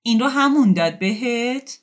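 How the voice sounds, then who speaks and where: A woman voicing a coarse, bossy woman who mocks bluntly and slowly. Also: a little high, animated, pitched above the performer's own voice, lightly acted. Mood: mocking, bossy. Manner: blunt, mocking, slow and pointed.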